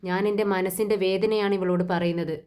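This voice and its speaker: A woman's voice: on the low side, steady tone, brisk, darkish tone, clear, resonant tone, natural voice. A woman voicing a grieving older mother-in-law who reproaches her daughter-in-law. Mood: reproachful. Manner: pleading and reproachful.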